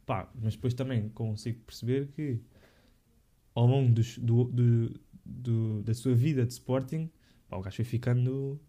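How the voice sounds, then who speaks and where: A man's voice: mid-range voice, steady tone, measured pace, dark tone. A young man with a European Portuguese accent, chatting casually in slang with many fillers and restarts. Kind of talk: casual podcast chat.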